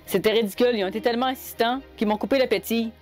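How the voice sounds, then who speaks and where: Fast-talking Québécois woman vlogger. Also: on the high side, steady tone, a little mellow, soft background music. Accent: Québécois French. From Quebec. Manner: chatty, exasperated, quick asides. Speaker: cosplay vlogger. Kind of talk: casual storytelling to camera.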